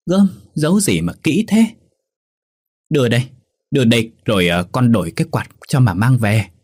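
A man voicing a cheeky, quick-witted young peasant in a folk storybook tale, teasing and mocking. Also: mid-range voice, very animated, darkish tone, husky, pitched above the performer's own voice. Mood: wheedling.

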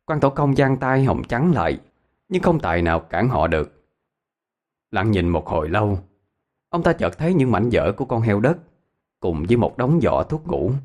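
A man narrating a ghost story in an expressive, dramatic storytelling voice. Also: lowish voice, normal speed, pauses often.

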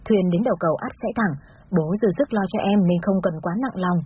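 A woman's voice: medium pitch, fast talker, dull audio, a little hiss or hum, lightly acted. A woman voicing an aging father who speaks tenderly and soothingly in a story reading. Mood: consoling. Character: gentle aging father, consoling and soft-spoken.

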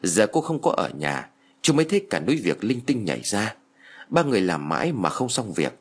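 A man narrating an audiobook story with expressive storytelling. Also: lowish voice, brisk, breathy edge.

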